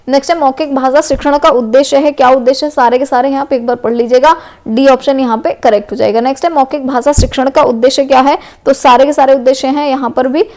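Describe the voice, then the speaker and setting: A high-pitched woman with a darkish tone, a teacher from Uttar Pradesh, India, revises multiple-choice exam questions in a western Uttar Pradesh Hindi accent. She explains each one and keeps repeating "है ना" and "correct है" to check in.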